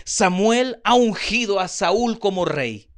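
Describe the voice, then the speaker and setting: A man's voice: high-pitched, lively intonation, slow pace. A man preaching a sermon as pastor, acting out Bible figures in changing voices.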